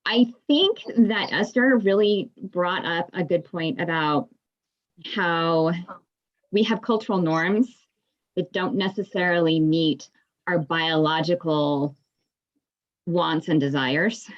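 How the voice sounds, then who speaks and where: A woman in the audience of an online discussion talks at length, with many "you know"s. Her voice sits low, and the call audio sounds dull and lo-fi. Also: takes it slowly. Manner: rambling, frequent "you know". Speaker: audience member. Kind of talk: casual discussion on a video call. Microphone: video call.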